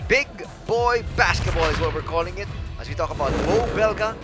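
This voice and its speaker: Play-by-play man for a live basketball broadcast, slightly high pitch, arena music underneath. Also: expressive, fairly quick. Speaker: play-by-play sports commentator.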